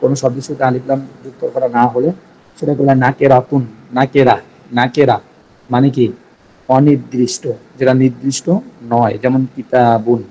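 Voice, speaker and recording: Bangladeshi guy teaching arabic grammar, calm middle voice, says everything twice. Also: medium pitch, low-quality recording. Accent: Bangladeshi Bengali. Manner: patient, repeats each point slowly. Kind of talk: explaining grammar in a recorded class.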